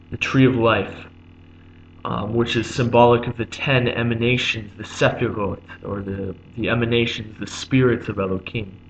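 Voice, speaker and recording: A man teaching an unscripted religious lesson, pausing often on "um", repeating himself and glossing each Hebrew term in English. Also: medium pitch, fairly bright tone. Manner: halting, many "um"s, repeats and glosses terms. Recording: dull lo-fi recording with faint hum.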